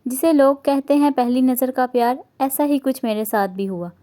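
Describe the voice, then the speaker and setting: A woman's voice: high voice, warm tone, natural voice. A woman voicing a young husband in a romance novel reading, teasing and earnest by turns. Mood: affectionate.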